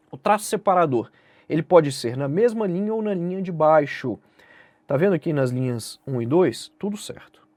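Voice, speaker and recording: A Brazilian man with a fairly high, slightly mellow voice and a Brazilian Portuguese accent teaches an online exam-prep lesson explaining essay grading. He addresses the viewer and answers his own questions, and the recording is dry.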